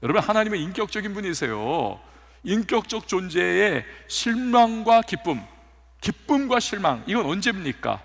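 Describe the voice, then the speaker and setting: A male pastor delivers a sermon in a church, telling his stories with acted-out quotes. His voice is somewhat high and gravelly, and it rings with a long hall reverb. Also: normal speed. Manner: animated storytelling with acted quotes. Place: church sanctuary.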